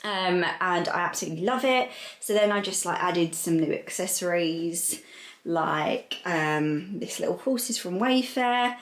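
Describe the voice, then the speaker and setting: A woman's voice: fairly low pitch, expressive, measured pace. Chatty woman vlogging at home. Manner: chatty, rambling, many fillers. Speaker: lifestyle vlogger. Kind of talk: casual vlog chat. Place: indoors at home.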